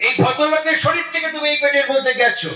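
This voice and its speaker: A man's voice: extremely high pitch, fairly even intonation, fast, pushed and bright. A middle-aged man with a Bengali accent giving an impassioned devotional sermon, repeating his phrases as he tells a story. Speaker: satsang speaker. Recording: echoey hall, distant mic.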